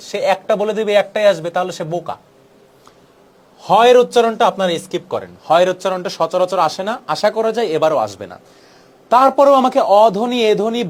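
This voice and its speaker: Fast-talking young male exam tutor. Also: high voice. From Bangladesh. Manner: brisk, persuasive, mixes English words into Bangla. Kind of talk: exam-prep lesson.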